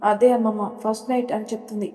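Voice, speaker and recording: A woman's voice: mid-range voice, flat delivery, quick pace, dark tone, soft background music, natural voice. A woman voicing a timid young bride in a storybook tale, who talks in a pleading, anxious way. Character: timid young bride, fearful of her husband. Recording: long hall reverb.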